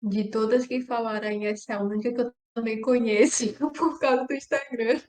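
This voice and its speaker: High, giggly woman in an echoey room. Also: fairly even intonation, brisk, darkish tone, slight background noise. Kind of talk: casual chat in an online class. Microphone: video call.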